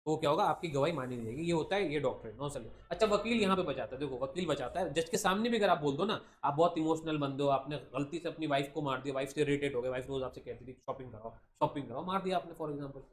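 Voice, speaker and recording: A fast, slightly high-voiced man with an Indian accent lectures a class on law, mixing English legal terms into his talk and joking with students. He keeps asking tag questions and calls his students beta. Faint room noise sits behind the classroom recording. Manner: joking, animated, addresses students as beta, many tag questions like thik hai. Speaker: law entrance coaching teacher.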